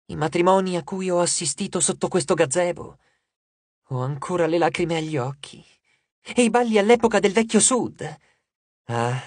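A preening goddess of love in a storybook reading, as an audiobook narrator puts her on, gushing and condescending, her voice swooping up and down with a husky edge. She is recorded close and dry. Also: mid-range voice, darkish tone, dry recording, natural voice. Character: vain, glamorous goddess of love, adult female. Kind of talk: audiobook character voice.

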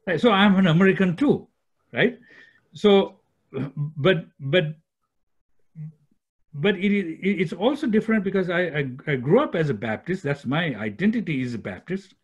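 An older Sri Lankan man, executive director of a peacemaking institute, is interviewed conversationally as a guest over a video call. His high-pitched, breathy voice has lively intonation and a measured pace with frequent pauses; thoughtful, he gestures with his hands and repeats or restarts words while searching for phrasing. His computer microphone yields dull, lo-fi call audio.

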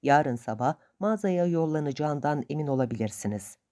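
Lady reading a polite ship officer guy in a storybook, calm, low dark voice. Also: fairly quick. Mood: courteous. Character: polite, courteous male ship's officer.

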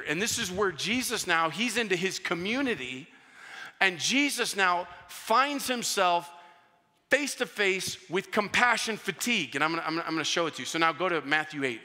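A man preaching a sermon as pastor, energetic, repeating and restarting phrases as he climbs in pitch and volume to act out scripture voices. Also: long reverb tail.

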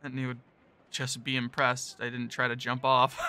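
A man's voice: medium pitch, flat delivery, a little slow, sharp tone, clean tone. A man narrating a visual novel in the first person, in a nervous, self-deprecating tone.

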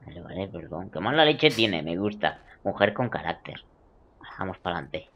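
A man, doing let's play commentary over a video game, jokey and swearing, muttering then suddenly shouting. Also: low-pitched, big pitch swings, normal speed, slightly rough, lo-fi sound. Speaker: gaming video creator.

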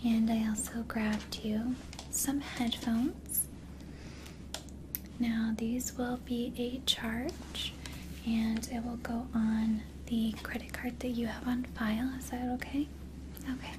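A young woman playing an attentive, gentle flight attendant in a soft, soothing whispered role-play. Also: a little high, little pitch movement, slow, noisy background. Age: young adult. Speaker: ASMR performer.

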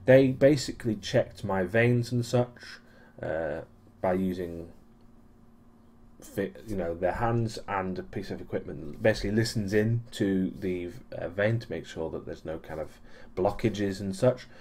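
A man's voice: low-pitched, a little slow, darkish tone, slight background noise. A young man giving a casual weekly vlog recap, rambling with many ums and restarts and a dry, sarcastic streak. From Europe. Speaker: vlogger.

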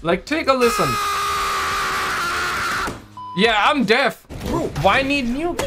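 A man's voice: extremely high pitch, animated, a little slow. A young man hosting a reaction video with casual, slangy, exclamatory commentary, often repeating his phrases. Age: young adult. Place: home room with green screen. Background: music.

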